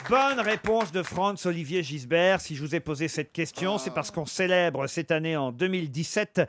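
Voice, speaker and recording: A man's voice: a little high, lively intonation, moderate pace, crowd noise, noisy background. A man hosting a radio quiz show, reading out prizes and clues and answering guesses in short replies. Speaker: radio game show host.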